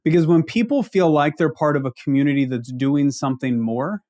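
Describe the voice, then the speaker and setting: A man with an Ozark Arkansas-area accent speaks in a fairly high voice. He talks as a consultant on a discussion panel, giving conversational advice with emphasis and frequent rhetorical questions. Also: a little fast, mellow. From Ozarks, United States. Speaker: leadership consultant, panel guest.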